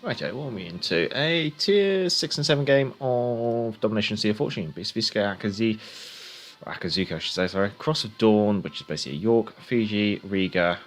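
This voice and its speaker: A man's voice: fairly low pitch, animated, a little fast. A man streaming a game, chatting casually and thinking aloud as he gives live commentary.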